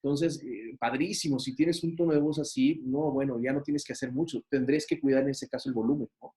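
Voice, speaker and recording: A man's voice: mid-range voice, steady tone, fairly quick, dark tone. A man with a Mexican accent lecturing a university class in a conversational way, full of fillers and rhetorical questions. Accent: Mexican Spanish. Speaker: university teacher.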